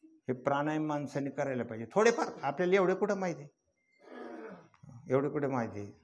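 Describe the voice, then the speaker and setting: A man's voice: a little high, very animated, fairly quick, highs cut off. An older man giving a devotional kirtan sermon, teaching in a folksy way, asking rhetorical questions and rising into chanted verse. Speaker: kirtan preacher.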